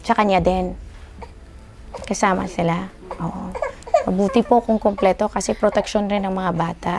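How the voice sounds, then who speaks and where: A woman host chats with a family, asking about vaccines and names while hushing a baby. Music sits clearly behind her voice. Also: medium pitch, fairly even intonation, moderate pace. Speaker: foundation host visiting a family. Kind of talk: casual chat. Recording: music bed under field audio.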